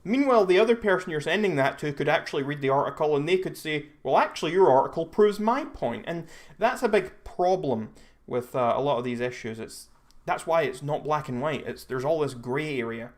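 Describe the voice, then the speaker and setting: A young Scottish man hosts a live stream, chatting casually and rambling along with frequent restarts and self-corrections. His voice sits on the high side and moves fairly quickly.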